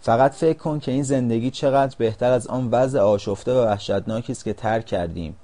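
A man voicing a gentle yellow caterpillar in a storybook, speaking softly and pleadingly. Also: medium pitch, close to an everyday voice. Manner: soft, pleading.

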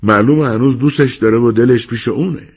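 A man's voice: medium pitch, a little mellow, slightly rough, voice pushed up. A man voicing a blunt, worldly neighborhood man in an audiobook, scolding plainly. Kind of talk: audiobook character voice.

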